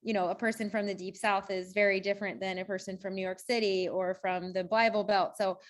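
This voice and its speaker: Chatty woman guest from the united states, everyday mid-pitched voice. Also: little pitch movement, a little fast. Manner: chatty, laughs while talking. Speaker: interview guest. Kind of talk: casual interview chat.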